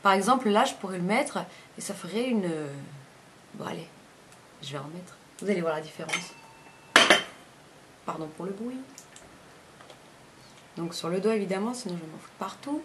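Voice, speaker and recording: A woman's voice: lowish voice, lively intonation, normal speed, long pauses, a little hiss or hum. A woman, chatting casually through a makeup review, rambling and often correcting herself mid-sentence. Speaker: beauty vlogger.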